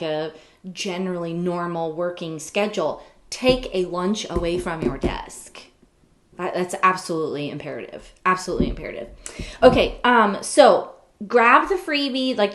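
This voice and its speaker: A woman's voice: medium pitch, fairly bright tone. A woman teaching other teachers on a casual live stream from her home office, chatty, laughing often and stopping to correct herself. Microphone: computer webcam mic.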